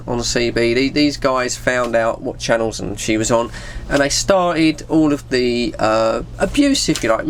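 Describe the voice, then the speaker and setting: Slight background noise sits under a medium-pitched male voice. A middle-aged English vlogger chats informally through a personal anecdote, full of British slang, performing bits of dialogue along the way.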